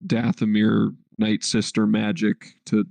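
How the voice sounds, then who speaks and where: A man's voice: fairly low pitch, completely flat delivery, slow, gravelly, warm tone, no echo. A young man co-hosting a podcast in casual chat, laid-back, swearing often and filling his talk with "like.". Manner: laid-back, swears a lot, heavy filler words. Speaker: podcast co-host.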